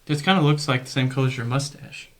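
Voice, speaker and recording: A man's voice: medium pitch, a bit bright. A young man, a seminarian co-hosting a casual food-review show, joking and playful. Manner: playful, jokey, quick to laugh. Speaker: seminarian and co-host.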